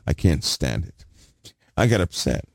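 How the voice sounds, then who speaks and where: A man's voice: low voice, very animated, measured pace, creaky, darkish tone, slightly rough, no room sound, studio quality. A man preaching a sermon, asking the congregation rhetorical questions and repeating phrases for emphasis.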